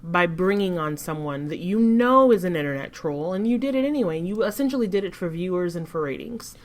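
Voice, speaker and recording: A woman co-hosting a podcast in casual discussion, measured and critical, often restarting her sentences. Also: on the low side, expressive. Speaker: podcast co-host.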